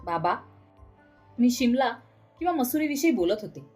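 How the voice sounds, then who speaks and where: Laid-back college girl, casual, English words sprinkled in, as a woman reader does her, fairly high voice. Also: sing-song, moderate pace, darkish tone, husky, faint music behind. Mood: breezy. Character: young college daughter, breezy, cool, peacemaking.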